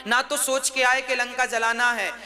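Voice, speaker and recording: High-voiced male preacher telling a story. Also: flat delivery, moderate pace, sharp tone. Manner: dramatic storytelling with rhetorical questions. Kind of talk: devotional sermon storytelling. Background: instrumental music.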